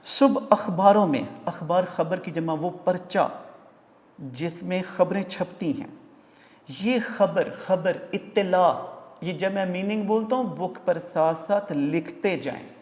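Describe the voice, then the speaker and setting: A male teacher lecturing, who explains word meanings and pronunciation step by step and often pauses on fillers. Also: high voice, darkish tone, in a large hall. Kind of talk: classroom lecture explaining an Urdu text.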